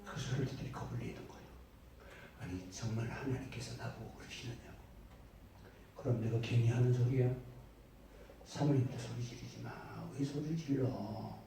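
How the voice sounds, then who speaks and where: Korean pastor preaching in an echoing church. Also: male voice, mid-range voice, noisy background. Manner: storytelling, swings between soft asides and loud emphatic bursts. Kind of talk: sermon. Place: church sanctuary. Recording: very echoey church hall, mic at a distance.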